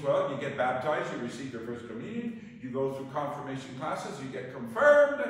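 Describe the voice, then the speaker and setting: A man giving a Sunday homily as a priest, in a conversational, folksy way with pauses. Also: mid-range voice. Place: church. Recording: echoey church, voice from far off.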